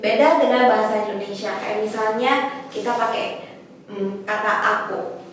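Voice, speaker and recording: A woman's voice: mid-range voice, steady tone, moderate pace, far from the mic, slight background noise. A woman giving a casual language lesson, explaining step by step with simple examples. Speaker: Mandarin teacher. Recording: echoey room, voice off-mic.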